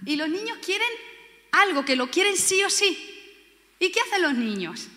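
A woman preaches with fervent passion, stacking repeated words for emphasis and slipping into the voices of the people in her stories. Her voice sits high and sounds bright. It carries a long reverb, as if it were filling a big hall. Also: very animated, normal speed. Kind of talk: sermon.

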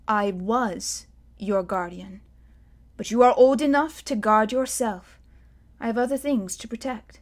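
A woman voicing a tall, pale, ancient male guardian who speaks slowly and gravely. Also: fairly high pitch, natural voice. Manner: slow, measured, grave.

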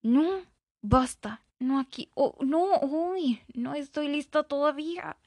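A woman voicing a shy, frightened young woman who speaks softly and pleads in a higher voice. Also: takes it slowly, no room sound. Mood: pleading.

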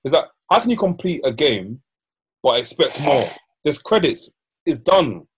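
A man's voice: on the high side, very animated, unhurried, breathy edge. A man with a London roadman accent chatting casually as a podcast co-host, slangy and repeating himself for emphasis. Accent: London, urban roadman slang. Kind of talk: casual chat.

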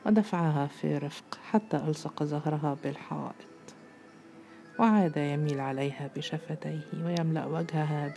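Woman reading a story, low dark voice, gravelly, measured and intimate, faint music under it. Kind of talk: literary story narration.

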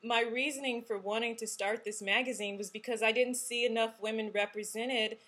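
A woman's voice: on the high side, fairly even intonation, normal speed. A woman who founded a guitar magazine, interviewing a guest over a video call and often affirming what she says. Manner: warm, affirming, frequent backchannel.

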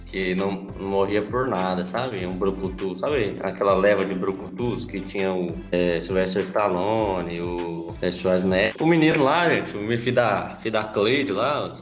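Guy on a podcast, kinda low voice, chill storytelling, a little music behind. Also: normal speed, hardly any pauses. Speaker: podcast co-host. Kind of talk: casual chat.

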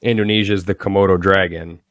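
A man co-hosting a podcast, reading trivia questions out slowly and steadily. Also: deep voice, steady tone, no room sound. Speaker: podcast co-host running trivia. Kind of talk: casual chat, quiz hosting.

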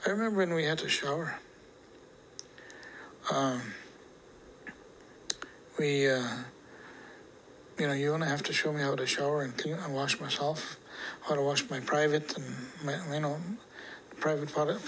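A man in his sixties giving interview testimony as a residential school survivor, speaking haltingly and searching for words. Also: fairly high pitch, fairly even intonation, fairly bright tone, a little hiss or hum, poor audio. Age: 60s.

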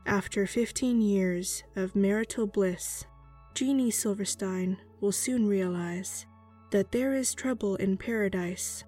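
Woman playing a slow, sultry horror hostess. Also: mid-range voice, mellow, soft background music. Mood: sultry, ominous. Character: the Dark Lady, sultry sinister horror hostess. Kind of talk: scripted horror podcast introduction.

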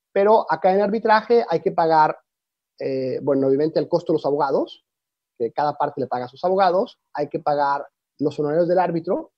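A Portuguese-accented man with a voice on the high side presents a dry webinar lecture on arbitration. He explains things with frequent restarts and fillers, and the recording sounds dry, dull, and lo-fi.

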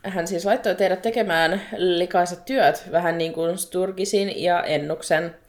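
A woman with a notably low voice co-hosts a chatty podcast, walking through a book chapter. She talks in an animated, exasperated way and breaks into quick laughter. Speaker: podcast co-host. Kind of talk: casual chat retelling a book chapter.

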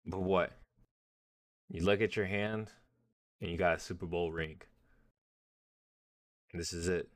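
A man's voice: sits low, fairly even intonation, unhurried, pauses often. A man co-hosting a casual sports podcast, rambling and restarting his phrases, swearing now and then. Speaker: podcast co-host.

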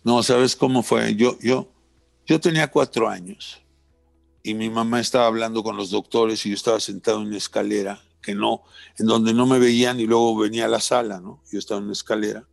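Gravelly earnest man. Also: fairly low pitch, fairly even intonation, brisk, no echo, faint music behind. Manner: earnest, introspective, repeats words. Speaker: guest. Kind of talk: reflective personal conversation.

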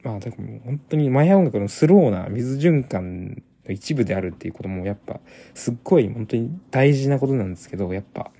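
A man's voice: medium pitch, warm tone. A young man hosting a casual solo podcast, rambling with many restarts and repeated fillers. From Japan. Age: young adult. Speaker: podcast host.

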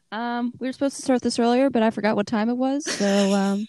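A woman's voice: on the high side, mellow, no room sound. A woman co-hosting a casual podcast, chatting with a giggly, rambling manner and many fillers. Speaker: podcast co-host.

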